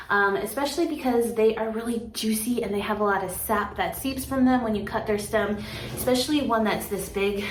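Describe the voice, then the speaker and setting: Excitable plant lady vlogging at home, kinda high voice, echoey room with a little hiss. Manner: chatty and excitable, talks to her plant. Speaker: houseplant vlogger. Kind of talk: casual chat to camera. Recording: echoey room with faint background noise.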